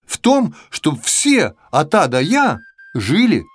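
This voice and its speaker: A man's voice: a little high, huge pitch swings, slow pace, slightly rough, exaggerated voice. A man voicing the whole alphabet as a chorus of letters in a children's verse tale, scolding and reasoning. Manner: lecturing, reasonable.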